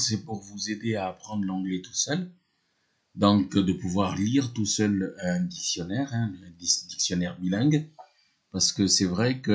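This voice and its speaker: A man gives a slow, patient lesson in a somewhat low voice. He hesitates often, repeats himself and spells words letter by letter as he explains each sound. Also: darkish tone. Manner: often hesitates with drawn-out fillers. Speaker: English teacher.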